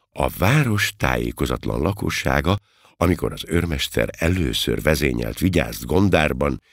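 An older man with an expressive delivery, reading a comic novel aloud as an audiobook narrator. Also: dry recording, clean studio sound. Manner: expressive, gravelly, deep, with wide swings in pitch.

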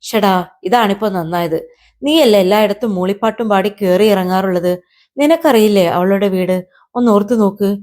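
A woman's voice: medium pitch, moderate pace, natural voice. A woman playing the kindly old moon uncle. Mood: urging. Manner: soft, affectionate and coaxing.

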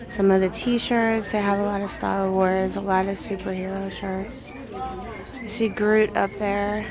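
Gushing woman vlogging in a busy store. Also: mid-range voice. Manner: bubbly, gushing over cute finds. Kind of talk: casual shopping vlog narration. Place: large indoor store. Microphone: handheld phone camera. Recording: crowded store background.

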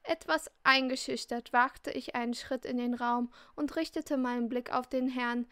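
A woman reading a novel aloud in the first person, expressive and lively, voicing the heroine's own lines. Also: fairly high pitch, moderate pace, clear, resonant tone, no echo, studio quality. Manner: lively, expressive, indignant in dialogue. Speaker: audiobook reader. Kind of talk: first-person audiobook narration.

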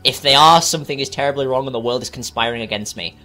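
A woman playing a video game and commentating casually, animated and exclaiming, swearing now and then. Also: fast talker, faint music behind. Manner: animated, exclaiming, swearing, jumps to high squeals. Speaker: let's play player.

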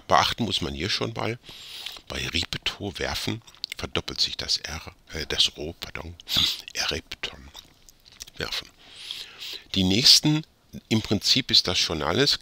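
A man with a very low, gravelly voice gives a casual grammar lesson. His tone is sharp and husky. He rambles, corrects his own slips and tosses in self-mocking jokes. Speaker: tutor.

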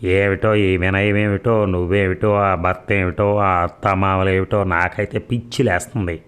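A man's voice: low voice, level tone, moderate pace, a bit bright, clear, resonant tone. A man voicing an outspoken, headstrong young woman in a storybook reading, talking in a mocking and argumentative way.

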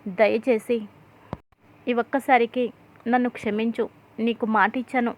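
A woman's voice: on the high side, steady tone, a little slow, a little hiss or hum, natural voice. A woman voicing a meek grown son who apologizes and pleads with his wife. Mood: pleading. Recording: tinny phone-like audio.

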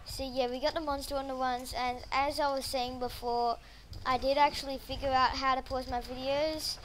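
A woman giving casual gameplay commentary, rambling and excitable, full of fillers. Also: high-pitched, normal speed, a little hiss or hum, rough recording.

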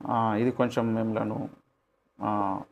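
A man's voice: fairly low pitch, little pitch movement, takes it slowly, creaky, lo-fi sound, a little hiss or hum. A man interviewing politely and deferentially, reading out viewers' questions. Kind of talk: Q&A conversation.

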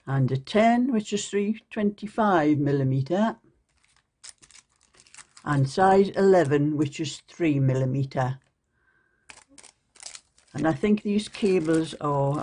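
Slow, chatty Geordie woman. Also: low-pitched, mellow. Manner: chatty, unhurried, explains step by step. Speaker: shopping vlogger. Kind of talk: casual show-and-tell. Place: home, at a table at night under a lamp.

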